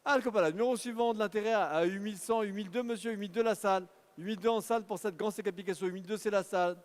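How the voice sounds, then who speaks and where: A man with a high voice calls out bids at a car auction, rattling off numbers in a rhythmic patter and urging the bidders on. His voice rings with a long reverb across the auction hall. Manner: rapid rhythmic bid calling, urging bidders. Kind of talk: live car auction calling.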